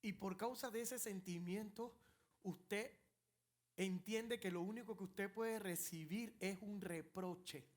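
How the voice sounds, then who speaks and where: A male pastor preaching an impassioned, dramatic sermon. He moves between loud passages and hushed ones. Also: high-pitched, takes it slowly.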